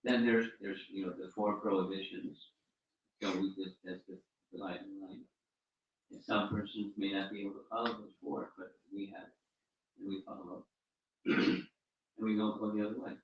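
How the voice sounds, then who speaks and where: A fairly low-voiced man gives an informal religious talk and fields questions, often repeating and restarting his words. He is heard from some distance in a very echoey room. The sound is dull and muffled. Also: flat delivery, normal speed, long pauses. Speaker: spiritual teacher answering questions. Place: room at a home gathering. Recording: roomy, distant, dull recording.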